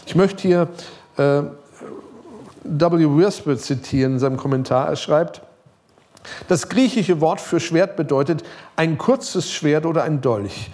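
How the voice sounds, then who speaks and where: A middle-aged male pastor preaching a sermon, talking casually and directly to his listeners, his voice rising and falling. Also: takes it slowly. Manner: lively preaching, pitch rising and sinking, some quiet passages; casual, direct address with English loanwords.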